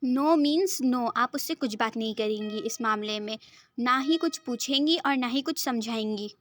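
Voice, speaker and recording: A woman's voice: on the high side, a little slow, a bit bright. Daniyal, sulky stubborn young man, voiced by a woman. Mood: pleading, stubborn. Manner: sulky, petulant demands. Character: stubborn, hot-tempered young man, teasing his fiancée.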